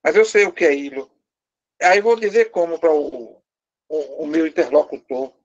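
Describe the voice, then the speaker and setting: A man's voice: a little high, lively intonation, brisk, dull audio. A man with a Brazilian Portuguese accent teaching a live class, explaining step by step, quizzing his students and joking with them. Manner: lightly teasing, joking with the class. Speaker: language teacher.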